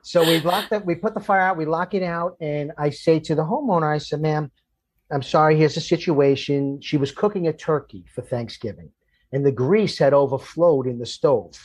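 A man who works as a firefighter, telling a long personal story in conversation, halting and restarting as he goes and growing emotional. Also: on the high side, darkish tone, breathy edge. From Florida. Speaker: firefighter guest.

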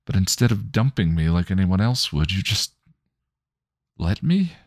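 A man voicing a young woman who is tearful and earnest, speaking softly and haltingly. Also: deep voice, big pitch swings, dry recording, clean studio sound, voice pushed up, heavily acted. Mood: pleading.

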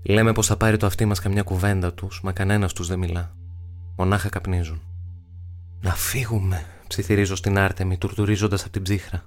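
A male actor narrating a novel as an audiobook, measured, with dramatic pauses. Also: low-pitched.

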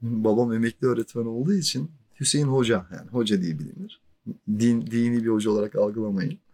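A man's voice: mid-range voice, steady tone, fast talker, darkish tone. A man in his forties spins a personal anecdote in an easy, chatty way. His voice sits in an ordinary middle range, and he keeps slipping in little chuckles and loose fillers. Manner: conversational, chuckles often, loose filler words. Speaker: podcast storyteller. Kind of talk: casual spoken storytelling.

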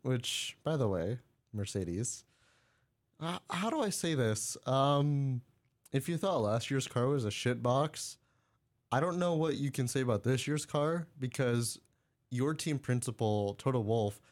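A man's voice: mid-range voice, expressive, a little slow. Joking man riffing on racing. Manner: joking, laughs mid-sentence, rambling. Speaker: podcast co-host. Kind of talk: casual sports chat. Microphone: studio mic.

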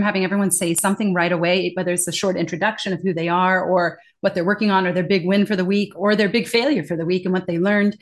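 Animated and emphatic, this lowish-voiced woman laughs a lot as she talks in a conversational interview in her role as a communication trainer.

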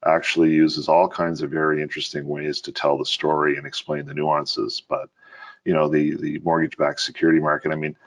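A man's voice: rumbling low, little pitch movement, fairly quick. A man co-hosting a casual finance podcast, talking animatedly with laughing asides and stammered restarts. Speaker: podcast co-host.

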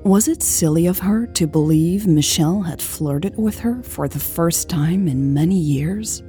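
A woman narrating an audiobook in a measured, steady reading at a close microphone. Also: lowish voice, soft background music.

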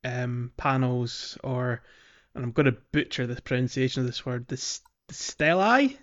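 Chatting in a conversational, hesitant way about a video game, this man co-hosts a podcast in a mid-range, slightly bright voice at a moderate pace. Music sits in the background of the dull, lo-fi recording.

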